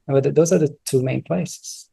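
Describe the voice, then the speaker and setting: This mellow-voiced man has a fairly high pitch, fairly even intonation, a moderate pace, and a creaky, breathy edge. Originally from Brazil and a native Brazilian Portuguese speaker, he answers interview questions casually as a software entrepreneur, pausing to find words and restarting a lot while thinking things through.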